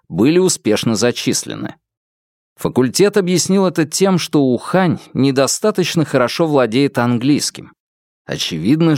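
A man narrating an audiobook in an expressive storytelling manner. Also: mid-range voice, no echo, clean studio sound. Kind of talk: scripted narration.

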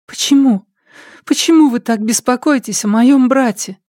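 A man voicing a wary, suspicious young village woman with a high, sharp voice in a Russian audiobook. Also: moderate pace, no room sound, clean studio sound.

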